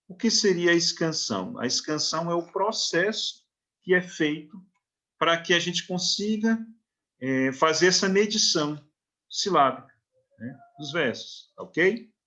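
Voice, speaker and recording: In a recorded online lecture, a man with a Brazilian Portuguese accent teaches literature, checking in often with short questions and reading verse syllable by syllable. His voice is on the high side, expressive and unhurried, with a bright, forceful tone.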